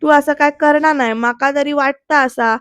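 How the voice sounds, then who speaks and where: A middle-aged village uncle speaks slowly and confidingly, as a woman reads his lines. His voice sits high and sounds close and dry, with no room around it. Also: fairly even intonation, fairly bright tone, no room sound.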